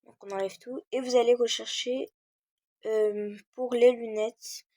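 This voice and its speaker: Soft-voiced girl with many fillers. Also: on the high side, fairly even intonation, a little slow, no room sound, clean studio sound. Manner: hesitant, many "euh" fillers, talks while searching. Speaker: game tutorial creator. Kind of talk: casual screen-recorded tutorial.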